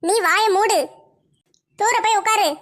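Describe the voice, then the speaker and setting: A voice actor doing a sharp-tongued cartoon mother. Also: very high-pitched, measured pace. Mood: scolding. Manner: scolds sharply, calls her daughters names. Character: stern scolding village mother of two girls. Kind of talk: comic cartoon voice acting.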